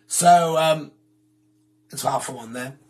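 Chatty male livestream host, throat hoarse and sore, voice sits a touch high, rambling and self-deprecating. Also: slow pace, a little mellow. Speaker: livestream host reading viewer comments. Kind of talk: casual chat with viewers.

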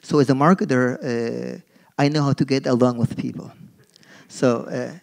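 This is a Turkish-accented middle-aged man from Turkey, a marketing professor on a forum panel, whose delivery is hesitant and full of fillers and restarts. The voice sits in the mid range at normal speed, creaky with a darkish tone. It's picked up by a gooseneck podium microphone on a stage in a dark auditorium.

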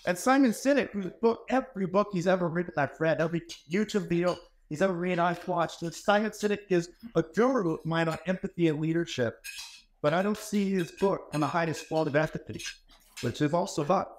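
Man giving an emphatic keynote, high voice. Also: a little fast. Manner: storytelling, emphatic and conversational. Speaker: keynote speaker. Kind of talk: motivational keynote speech. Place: ornate wood-paneled hall, indoors. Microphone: handheld microphone.

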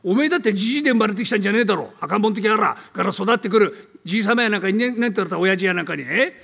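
An older man from Tokyo with a downtown Tokyo accent, playing a brash, bullying male tenant in a comic storytelling act, gruff and teasing. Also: high-pitched, expressive, rapid-fire, fairly bright tone, long reverb tail, full character voice. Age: 70s. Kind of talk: rakugo storytelling.

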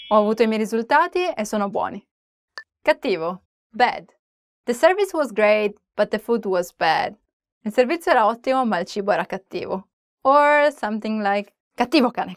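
A young Italian woman with an Italian accent and a fairly high voice teaches a chatty, playful language lesson on camera, switching between English and Italian example sentences. She is framed head and shoulders in a small indoor room against a plain wall or flag backdrop, and the recording is dry.

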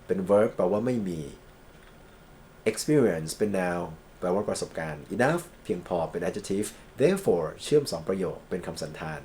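A Thai man lecturing on English grammar and legal vocabulary, reading English examples slowly and then explaining them quickly. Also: on the low side, a little mellow, slight background noise.

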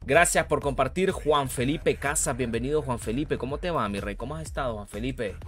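A man giving live commentary on his gameplay as a streamer, greeting viewers and reacting with excitable, repetitive banter and sudden outbursts. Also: mid-range voice, fairly quick. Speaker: gaming streamer.

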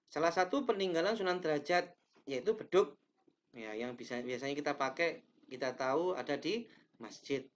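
A man's voice: high-pitched, fairly bright tone. Man teacher reading slides, dull lo-fi audio. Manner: careful reading with self-corrections, slows on Javanese phrases. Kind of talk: reading lesson slides aloud.

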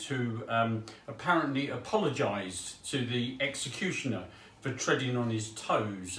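Chatty preacher in a roomy hall. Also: male voice, medium pitch, fairly bright tone, recorded from a distance. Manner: chatty, self-deprecating, with ums. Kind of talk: casual sermon. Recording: roomy sound from off mic.

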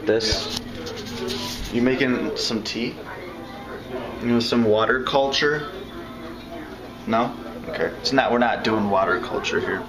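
A man's voice: medium pitch, over loud music. A young man in a casual home vlog, chatting playfully and giggling with fillers, recorded indoors at a house on a handheld camera. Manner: playful, giggly, jokey with long pauses and fillers. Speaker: vlogger.

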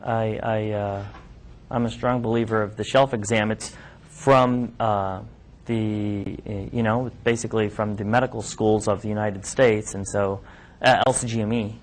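In a lowish voice with fairly even intonation and normal speed, a New York man in his thirties, a doctor, chats informally with medical students in an indoor classroom lab. He takes questions and often says um or restarts his sentences.

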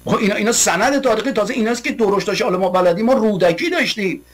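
A man giving an impassioned political monologue, heated and rhetorical, building long repeated lists. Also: high-pitched. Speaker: political commentator.

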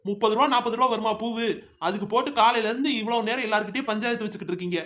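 A shrill, very high-pitched young village housewife in a cartoon comedy, put on by a man. She is chatty and gossipy, telling stories at length and teasing her friends with nicknames. She sounds friendly and familiar with her company. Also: rapid-fire, a bit bright.

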